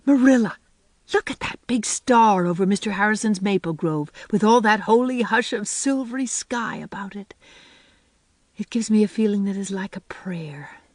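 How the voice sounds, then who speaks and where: A reader voicing an imaginative, talkative young woman in an audiobook, speaking in a wistful, gushing way with lifted pitch. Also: moderate pace, dry recording, close to an everyday voice. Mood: dreamy, eager. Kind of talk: audiobook character voice.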